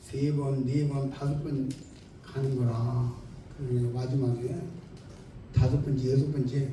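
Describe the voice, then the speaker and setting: Now the lay preacher sounds mid-range, with little pitch movement and a measured pace. His sermon stays plain-spoken and full of questions for the audience, captured by a distant mic in a very echoey church hall with faint noise.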